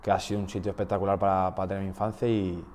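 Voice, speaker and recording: The interview guest is a footballer in his twenties whose low-sitting voice races along in a large hall. He's Portuguese, raised in the Basque Country, and his casual Spanish carries a slight Basque accent, with many restarts and fillers.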